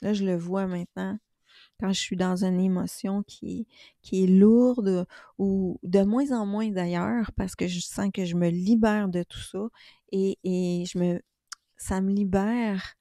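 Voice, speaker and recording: A middle-aged woman with a Québécois accent, talking calmly and soothingly in a casual spiritual vlog about inner peace and tarot. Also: mid-range voice, takes it slowly, dry recording, studio quality. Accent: Québécois French. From Quebec. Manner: calm, soothing, gently reflective. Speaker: spiritual YouTuber and tarot reader.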